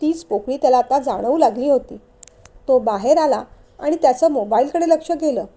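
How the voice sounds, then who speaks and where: A woman narrates an emotional family story in a calm, measured way. Her voice is high-pitched but mellow and dark in tone. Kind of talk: story reading.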